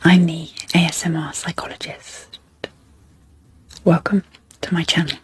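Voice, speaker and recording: A woman speaking very softly and breathily in an ASMR style, gently introducing guided relaxation with unhurried, pausing phrases. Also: on the low side, level tone. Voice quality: soft, breathy, half-whispered. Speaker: host, ASMR psychologist. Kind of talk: soft-spoken ASMR guided sleep meditation introduction.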